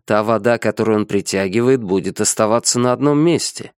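A man reading a science fiction story as a steady audiobook narrator. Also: lowish voice, fairly quick, clear, resonant tone, dry recording, studio quality. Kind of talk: scripted narration.

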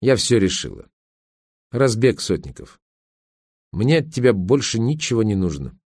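A biting, scornful young wife, as a male narrator puts her on. Her lines climb higher than his own low voice and swing a lot in pitch. The sound is dry and close. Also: very animated, measured pace, darkish tone, no room sound. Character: angry sharp-tongued wife, young adult woman.

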